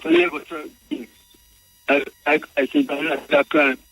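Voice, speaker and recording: A man's voice: a little high, wildly swooping pitch, moderate pace, creaky, a bit bright, breathy edge, dry recording, rough recording. A Jamaican man calling in to a talk show, speaking in Rasta speech and reasoning, often repeating and circling back over his phrases. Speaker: radio call-in guest.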